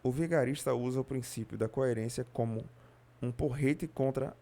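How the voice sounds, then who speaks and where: A man with a Brazilian Portuguese accent reads a nonfiction audiobook in a dark, mellow voice. His delivery is steady and plain, with a few slips he stops to correct. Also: mid-range voice, moderate pace. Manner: steady reading with occasional slips and self-corrections. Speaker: audiobook reader. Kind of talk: reading a nonfiction audiobook aloud.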